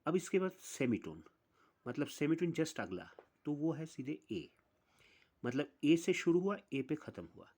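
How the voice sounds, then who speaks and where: A man teaches music theory as a patient, methodical instructor. He speaks slowly and deliberately in a slightly raised voice, counting through the notes one at a time. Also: a little high, very animated, dark tone. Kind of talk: explaining music theory step by step.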